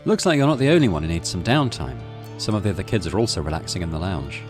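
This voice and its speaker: Over game music, a middle-aged man reads story text from a game and adds casual remarks. He speaks fast in a deep, sing-song voice.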